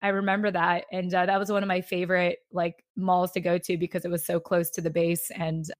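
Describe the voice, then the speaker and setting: A woman's voice: lowish voice, level tone, fairly quick, no room sound, studio quality. Upbeat, chatty woman host in her thirties, casual interview tone. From United States. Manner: upbeat, chatty, lots of restarts and "like". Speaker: podcast host.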